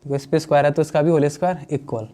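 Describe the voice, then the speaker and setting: Speaking rapid-fire with a warm tone, this young man has a fairly high voice and fairly even intonation. He chats his way through a maths lesson, explaining solutions, addressing the class as "dear friends" and repeatedly checking comprehension with "understood or not?"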